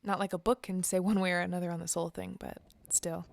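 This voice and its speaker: A woman voices a wary, self-doubting young trainee in naturalistic audio-drama dialogue, answering in short, hesitant, downcast lines that sound uncertain and searching. Her gravelly voice sits lowish with little pitch movement, and she talks fast.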